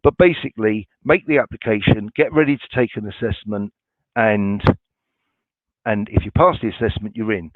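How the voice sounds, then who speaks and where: A college staff member answers viewer questions in a webinar, informal and reassuring but full of ums and restarts. His voice is on the low side with fairly even intonation and normal speed. The recording is dry and tinny, like a phone, with no echo.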